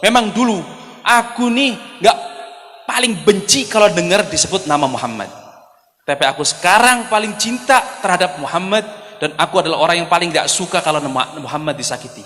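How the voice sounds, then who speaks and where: A preacher doing a bold fierce warrior. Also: male voice, a little high, lively intonation, very fast, echoey room, in a large hall. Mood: defiant. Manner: loud, forceful declarations.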